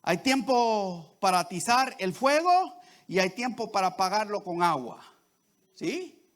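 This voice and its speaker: A man with a very high, somewhat bright voice preaches a sermon at a measured pace, very animated and conversational. He restarts often and keeps checking in with the congregation through short tags like "¿verdad?" and "¿sí?".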